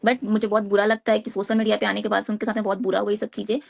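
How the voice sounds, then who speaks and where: A woman's voice: mid-range voice, level tone, rapid-fire, gravelly. A woman speaking as a guest on a live stream panel, rambling and repeating herself as she defends herself.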